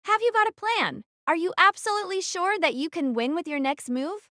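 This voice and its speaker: In a fan audio drama, a woman plays a commanding young female captain who gives crisp, decisive orders in an exaggerated voice. Her voice sits high and lively with a bright, sharp edge, a little fast, and the recording is dry and close.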